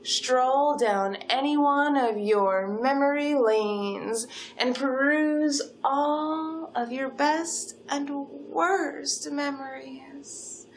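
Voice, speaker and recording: A woman's voice: sits high, very slow, heavily acted. Woman playing an unhinged, menacing, possessive yandere kidnapper. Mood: unhinged menace. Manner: unhinged sweet menace, gushing then threatening. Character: possessive yandere supernatural female kidnapper, gushing and controlling. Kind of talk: dramatic second-person role-play monologue.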